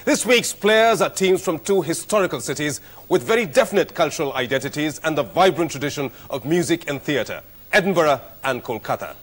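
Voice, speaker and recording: A middle-aged man hosting a TV quiz show, speaking in a formal, measured way with clear diction. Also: fairly high pitch, expressive. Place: TV studio set. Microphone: lapel mic.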